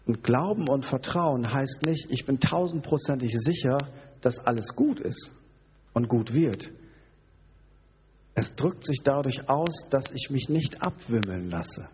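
A man's voice: medium pitch, animated, a little slow, big-room sound, lo-fi sound, slight background noise. A man preaching a sermon, conversational and sometimes sarcastically joking, reflective in tone. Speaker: pastor.

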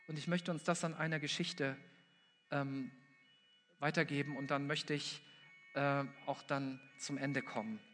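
A man's voice: mid-range voice, fairly even intonation, measured pace, fairly bright tone, in a large hall, slight background noise. A man preaching a sermon, earnestly addressing the congregation and building his points through repetition. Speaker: pastor.

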